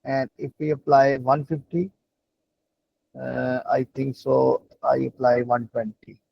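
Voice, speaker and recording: A man who is a non-native English speaker, instructing a live online class in a halting, repetitive way, often checking that listeners follow. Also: medium pitch, level tone, gravelly, a little hiss or hum. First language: not English. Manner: halting, repetitive explaining with frequent check-in questions. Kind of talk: live online lesson, explaining while demonstrating on screen. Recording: dull, lo-fi online call audio.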